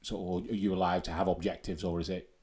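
A male interviewer speaks quickly in a low voice. He asks questions in a casual, conversational way, rephrasing himself as he goes. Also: level tone, darkish tone. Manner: loosely phrased, self-interrupting questions. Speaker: interviewer, podcast host.

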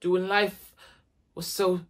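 A woman's voice: lowish voice, flat delivery, takes it slowly. A woman playing a troubled teenage boy caught up in gang life, delivering a rhythmic spoken-word stage monologue. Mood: haunted.

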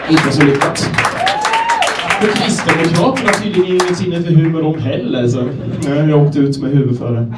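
A young Swedish man from Gävle doing a stand-up set, telling self-deprecating stories in a deadpan way and acting out the people in them. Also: a little high, over loud music, a loud crowd. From Sweden, Gävle. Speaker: stand-up comedian. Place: comedy club stage. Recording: echoey club room, voice from a distance.

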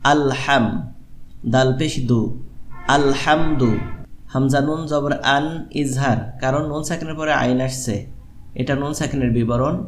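A man teaching an online Quran reading lesson, spelling out letters and drawing out syllables slowly as he demonstrates recitation. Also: medium pitch, echoey room, slight background noise. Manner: slow, drawn-out syllable-by-syllable demonstration.

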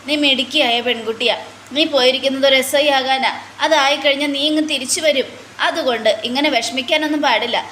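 A woman's voice: sits high, brisk, pushed and bright, slight background noise, voice pushed up. A woman voicing a firm, caring elder sister who coaxes and lectures her family. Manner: coaxing then scolding, firm.

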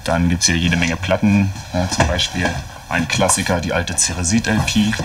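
A young man from giving a casual tour of his small shop and talking in an interview, often ending sentences with a relaxed "ne?". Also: low-pitched, moderate pace, a little hiss or hum. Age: young adult. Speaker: skinhead mail-order shop owner. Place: small shop office and storeroom, indoors.

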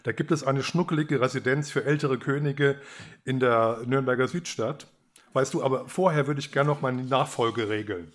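A man's voice: medium pitch, moderate pace, lightly acted. A man voicing an aging, fussy king who hesitates and then blusters. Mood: weary. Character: aging fussy king, weary and easily irritated.

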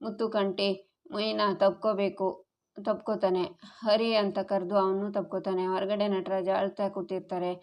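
A woman narrates a story recap steadily and plainly. Her pitch sits in the middle of the range and barely moves, so the delivery sounds flat. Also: normal speed.

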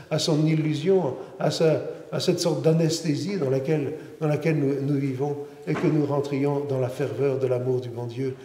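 A middle-aged priest with a mellow, somewhat high voice gives an earnest sermon, frequently going back to restart and repeat phrases. The recording comes from a large church interior and carries a long, roomy reverb.

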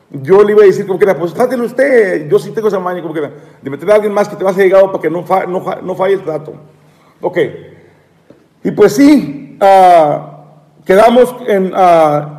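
A man tells an aggrieved story on a live stream, stumbling over repeated words and restarting his sentences. His voice is high for a man. A long hall-like reverb trails behind him. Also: darkish tone. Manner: repetitive, stammering, aggrieved. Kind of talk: rambling live-stream monologue.

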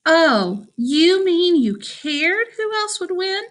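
A woman's voice: sits high, big pitch swings, slow, bright, forceful tone, pitched above the performer's own voice, heavily acted. Woman voicing a guarded teenage girl. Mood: cutting. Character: guarded teenage girl, former best friend.

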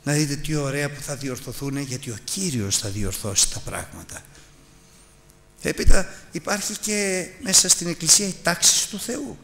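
A man's voice: a little high, big pitch swings, creaky, bright, forceful tone, a little hiss or hum. A middle-aged man preaching a Bible lesson to his congregation. He tells a personal story, then urges his listeners directly. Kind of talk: Bible teaching sermon.

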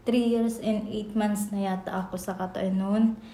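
A woman's voice: medium pitch, steady tone, a little slow. Chatty Filipino woman in an echoey room. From Philippines. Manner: chatty, rambling with restarts. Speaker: vlogger. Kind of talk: casual storytelling vlog. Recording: echoey room, faint noise.

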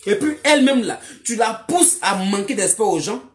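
A woman scolds a man in a long commentary monologue. She mocks him and hammers her points home through repetition, keeping her voice at an average pitch. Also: animated, normal speed, a little hiss or hum. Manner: mocking, scolding, repetitive and emphatic. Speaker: online commentator.

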